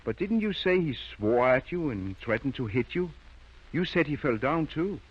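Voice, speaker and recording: A man's voice: mid-range voice, sing-song, normal speed, breathy edge. A man acting in an old-time radio drama as a firm, kindly country doctor, patient but probing. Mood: stern questioning. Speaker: radio actor. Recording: dull, lo-fi vintage radio recording.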